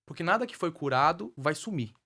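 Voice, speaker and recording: A man speaking quickly in a fervent preaching rhythm, his voice a little above the usual male pitch. He tells his story as a testimony and circles back on key phrases to drive them home. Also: expressive, sharp tone. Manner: fervent, repeats phrases for emphasis. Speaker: guest minister sharing his life story. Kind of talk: emotional testimony with preaching cadence.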